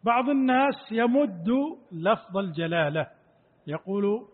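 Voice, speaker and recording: A man with a high voice gives a religious lesson, going over each point and repeating key phrases for emphasis. He sounds out pronunciations as examples. The recording is thin and tinny, like a phone line. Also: lively intonation, measured pace. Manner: demonstrates pronunciations aloud. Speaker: sheikh teaching a text.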